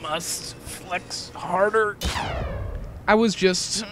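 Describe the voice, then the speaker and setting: Man as cocky, high-voiced Scout. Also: very slow, noisy background. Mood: cocky, showing off. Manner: cocky bragging patter. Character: cocky, motormouthed young male scout, show-off.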